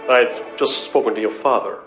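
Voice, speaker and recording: A man's voice: medium pitch, fairly even intonation, normal speed, fairly bright tone, close to an everyday voice. Guy playing a sappy overdramatic soap hero, mid voice, echoey old radio with music. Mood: melodramatic. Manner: overwrought, sighing, theatrical. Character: lovesick, melodramatic young man in a soap drama. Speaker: actor in a soap play within the show.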